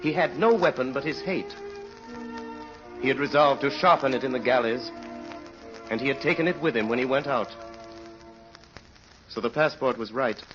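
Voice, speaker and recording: A man narrating an old radio drama as a solemn, brooding storyteller, measured and rhetorical. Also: mid-range voice, lightly acted. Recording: muffled old radio recording with music.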